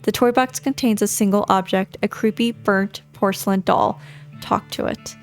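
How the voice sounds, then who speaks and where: A woman's voice: mid-range voice, fairly even intonation, normal speed, soft background music. A woman doing casual video game playthrough commentary, reading the on-screen text aloud and adding her own remarks.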